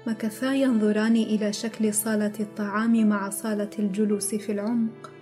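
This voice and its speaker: A woman narrating an audiobook in a steady, even reading voice. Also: medium pitch, brisk, soft background music. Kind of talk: scripted narration.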